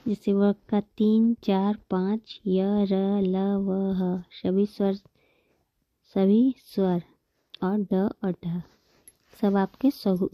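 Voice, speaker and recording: A woman's voice: medium pitch, no echo, dull audio. A woman teaching a Hindi grammar lesson, patiently explaining terms, repeating them and counting examples aloud.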